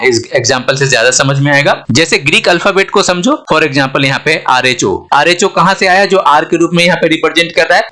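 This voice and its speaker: A man's voice: on the high side, sharp tone. A man teaching English pronunciation in a classroom lecture, spelling words out letter by letter and asking and answering his own questions.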